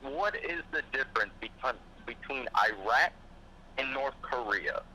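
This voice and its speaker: A man in a loose, swearing rant with a very bright, sharp tone and a lively, swooping pitch. He talks like a fired-up podcast host in casual chat. A faint hiss of noise sits under the recording. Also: measured pace, rough recording. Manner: profane, fired-up ranting with mocking quoted voices.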